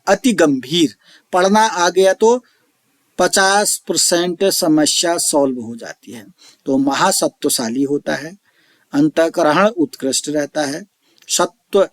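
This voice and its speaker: A man teaching an online lecture, slowly explaining each term and repeating it, reciting verse lines drawn out. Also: a little high, no room sound, studio quality. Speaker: Sanskrit teacher.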